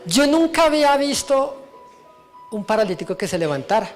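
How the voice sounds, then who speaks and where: Man, pastor, high voice, emotional storytelling, soft music behind. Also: very animated, normal speed. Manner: emotional storytelling, drops to a hush at moving moments. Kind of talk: testimony sermon. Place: church.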